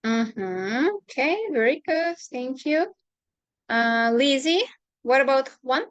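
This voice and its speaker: A woman teaching an English class online, speaking slowly and hesitantly with many fillers. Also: sits high, lively intonation, no echo, muffled recording. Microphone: computer mic on video call.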